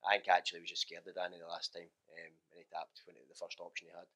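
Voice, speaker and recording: A man in his thirties, an MMA fighter, answering interview questions in a relaxed way with many fillers, recorded indoors in a small gym room on a handheld mic. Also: sits low, very fast. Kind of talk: post-training interview. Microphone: handheld mic held close.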